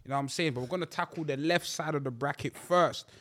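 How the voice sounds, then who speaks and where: A man's voice: on the high side, quick pace, a bit bright. A young man with a London roadman accent and plenty of urban slang, hosting and bantering casually with repeated emphasis. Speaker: host and moderator.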